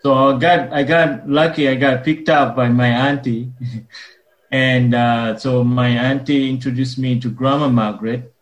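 A man's voice: medium pitch, fairly even intonation, echoey room, low-quality recording. Earnest man. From Uganda. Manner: earnest, halting with frequent pauses. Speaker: guest, wellness business owner. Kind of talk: radio interview.

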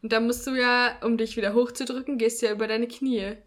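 A young woman speaks as a podcast co-host in a fairly high voice. Her delivery is casual and conversational, like talk among friends. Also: fairly even intonation, quick pace, a bit bright. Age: young adult.

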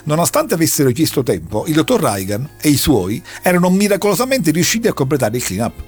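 A man's voice: a little high, sing-song, quick pace, slightly rough, soft background music. A man recounting a long story in a casual chat, telling it with dramatic flair. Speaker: podcast host recounting an anime plot.

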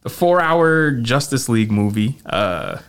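A man in casual podcast chat, ranting about films with a profane, animated delivery. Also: mid-range voice, unhurried, clean tone. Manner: profane, animated movie rant. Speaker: podcast co-host.

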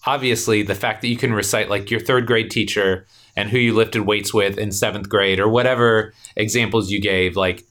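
A man hosts a podcast in a relaxed, slangy manner, casually tossing questions to his guest. His voice is slightly low and bright. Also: normal speed, hardly any pauses. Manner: laid-back, slangy, calls guest "my guy". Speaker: podcast host. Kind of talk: casual interview chat.

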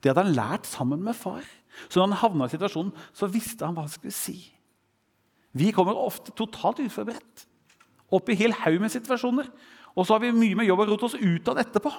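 A man's voice: high voice, creaky. A man preaching a sermon, quoting scripture with a rising and falling voice. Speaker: pastor. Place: church hall. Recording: church hall reverb.

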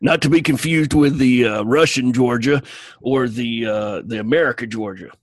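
A man's voice: medium pitch, normal speed, dry recording, lightly acted. A man co-hosting a podcast, playing a boastful, crude Southern space crewman who rambles through a recap, full of fillers and restarts. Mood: rambling. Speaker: podcast co-host. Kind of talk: comic in-character recap.

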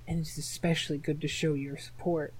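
A woman reading a scripted hypnotic role-play in a slow, commanding, teasing way. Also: sits low, little pitch movement, a little mellow, breathy edge, poor audio. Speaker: erotic audio creator.

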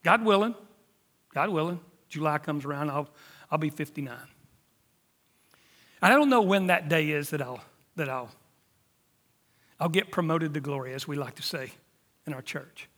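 A man's voice: a little high, normal speed, long pauses, bright, forceful tone, long reverb tail. A man, preaching a sermon emphatically and sometimes dropping to a near-whisper for emphasis. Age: 50s. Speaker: pastor.

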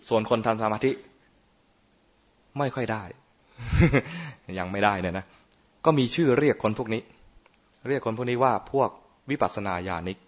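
A man, a Buddhist monk, giving an informal dharma talk on meditation in a playful, teasing way, often quizzing his listeners. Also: lowish voice. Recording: muffled lo-fi recording.

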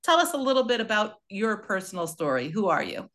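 A woman's voice: medium pitch, big pitch swings, fairly quick, fairly bright tone. A woman hosting a podcast, introducing her guest and asking questions with enthusiasm. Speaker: podcast host. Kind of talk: podcast interview.

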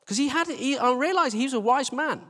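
In a vast, reverberant church hall, a British team leader with a high-set voice preaches to the congregation in an informal, chatty way. He's brisk, pushed, and bright, teasing himself and leaning heavily on rhetorical questions and repeated phrases.

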